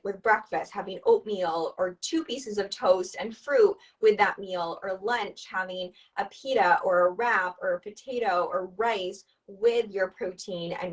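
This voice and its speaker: An upbeat woman dietitian explains habits to a client in a chatty, encouraging way, pitched at an ordinary middle height. She talks over a video call, and her voice sits a little back from the microphone. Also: recorded from a distance, poor audio. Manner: upbeat, chatty, asks listeners to respond. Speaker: dietitian and nutrition coach. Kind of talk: conversational explainer, coaching advice.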